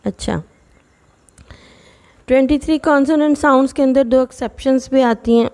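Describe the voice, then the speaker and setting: A woman teaching phonics to children in a patient, explaining way, sounding out words slowly. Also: high voice, fairly even intonation, a little mellow.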